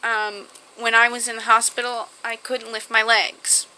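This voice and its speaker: Bright-voiced woman telling her story. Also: fairly high pitch, flat delivery, a little hiss or hum, low-quality recording. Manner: halting, many fillers and restarts. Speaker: vlogger. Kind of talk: personal health story to camera.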